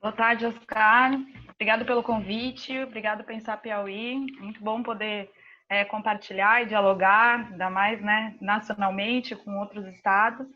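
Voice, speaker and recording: A woman's voice: mid-range voice, level tone, a little slow, muffled recording. A woman from São Paulo, answering interview questions and explaining at length with many fillers. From São Paulo, Brazil. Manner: fluent, filler-laden explanation. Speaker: teacher and activist guest.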